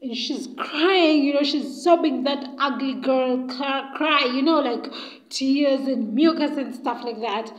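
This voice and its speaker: High-voiced chatty woman storyteller. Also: measured pace, rough recording. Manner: chatty, loose, many fillers. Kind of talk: casual spoken storytelling.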